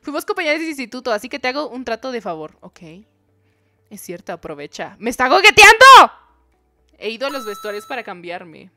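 Chatty woman streamer, slightly high. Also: animated, fast, a bit bright, dry recording, soft background music. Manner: reads game dialogue aloud and reacts with jokes to chat. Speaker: streamer playing a dating game. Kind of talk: live game commentary.

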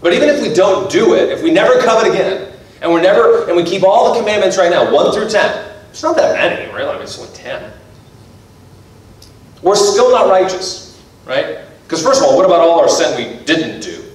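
A male pastor delivers a casual, conversational sermon, his pitch sitting a little high and swinging widely as he acts out everyday voices. He is heard from some distance off the mic. The sound rings heavily around a large, echoey church room. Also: animated, fairly quick. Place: church sanctuary.

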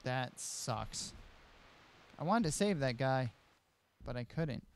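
A man's voice: mid-range voice, expressive, takes it slowly, smooth. A young man giving casual gameplay commentary on a headset, reacting aloud with mild exclamations. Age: young adult. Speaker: let's play host.

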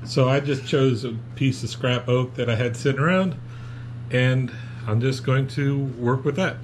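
A man explaining a woodworking project in a casual, unhurried how-to manner, with fillers as he goes, recorded in a home shop. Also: medium pitch, slight background noise. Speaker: woodworking hobbyist.

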